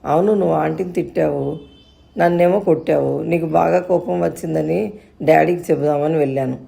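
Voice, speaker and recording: A woman's voice: low voice, moderate pace, vocal fry, warm tone. A woman voicing a chatty, innocent young boy who asks questions and rambles on.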